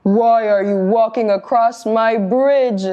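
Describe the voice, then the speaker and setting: Storybook bridge troll, male, greedy and bossy, unhurried; woman reader puts him on. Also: fairly high pitch, steady tone, dull audio. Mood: gruff. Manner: roaring, bossy.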